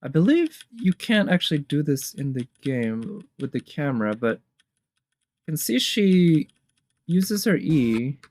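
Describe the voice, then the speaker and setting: A slightly high, sing-song, somewhat mellow male voice takes its time reacting to game trailers as tier list host. He's casual and enthusiastic, musing aloud over the trailer music.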